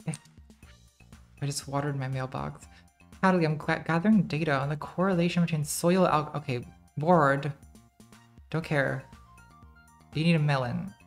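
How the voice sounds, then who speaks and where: Soft background music plays as a woman in her thirties, indoors in her home streaming room, games and casually chats with her live-stream chat, often laughing at herself. She speaks very softly and quietly in a low pitch at a moderate pace, pausing often.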